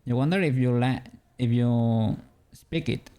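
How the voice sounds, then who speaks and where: He has a medium-pitched, dark voice and speaks a little slowly. A man from Spain with a Spanish accent, he's streaming while working on a 3D model, chatting casually, rambling, responding to chat, and frequently chuckling.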